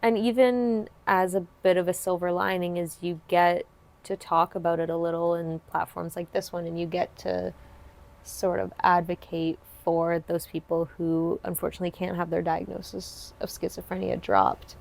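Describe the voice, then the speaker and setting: Speaking at normal speed with a level tone, a woman podcast host has a lowish, creaky, darkish voice. She carries a casual interview chat in long, winding sentences, sounding earnest and supportive.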